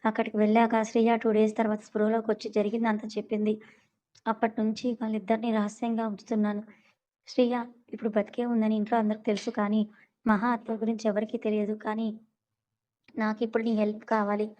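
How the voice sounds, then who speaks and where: Woman storyteller, steady flat reading, soft mellow tone, fairly high voice. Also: fast, rough recording. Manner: reads all characters' dialogue in her own voice. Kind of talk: serialized story narration.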